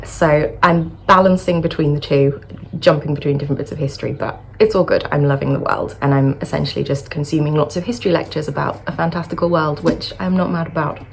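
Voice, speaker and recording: Casting: female vlogger, gushing and informal, rapid delivery with some gravel, recorded near a busy road with audible traffic. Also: sits low. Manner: enthusiastic, gushing. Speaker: book vlogger. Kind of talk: casual chatty vlog to camera. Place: hotel room with traffic noise from a busy road.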